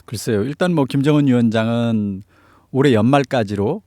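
A man's voice: mid-range voice, moderate pace, darkish tone, no room sound, clean studio sound. A man giving explanatory analysis as a political commentator in an interview, stressing key phrases. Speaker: news commentator on North Korea affairs.

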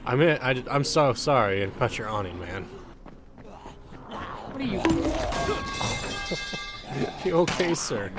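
A man narrating a video game as he plays, reacting loudly, swearing and laughing. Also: mid-range voice, very animated, takes it slowly, long pauses, background noise. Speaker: gaming YouTuber. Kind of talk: let's play commentary.

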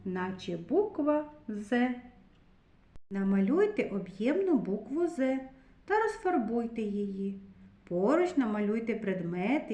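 A woman with a fairly high, very lively voice teaches small children in a slow, sing-song way. Her voice sounds in an echoey room. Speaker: preschool teacher. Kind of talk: scripted lesson for young children.

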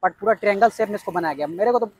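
A man's voice: high voice, racing, no room sound. A man from Bihar, vlogging outdoors at a building site. He sounds eager and hyped and keeps repeating his main points. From Bihar, India. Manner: eager and hyped, often repeats key points with "yes indeed". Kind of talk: on-location walkaround vlog.

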